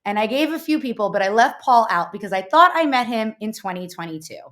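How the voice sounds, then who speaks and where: A woman's voice: mid-range voice, animated, quick pace, background noise. A woman co-hosting a casual show, chatty and rambling with many fillers. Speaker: co-host. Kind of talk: casual podcast chat.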